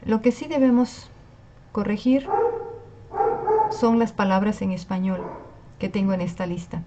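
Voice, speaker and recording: A woman's voice: mid-range voice, a little slow, heavy background noise. A woman teacher, patiently explaining and checking in with her class. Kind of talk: online class lecture on Spanish spelling. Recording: slightly dull lo-fi recording.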